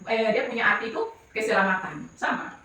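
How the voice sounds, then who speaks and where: A woman's voice: on the high side, fairly even intonation, fast, sharp tone. A woman teacher leading a class of young children, coaxing answers out of them with short questions. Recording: echoey room from far off.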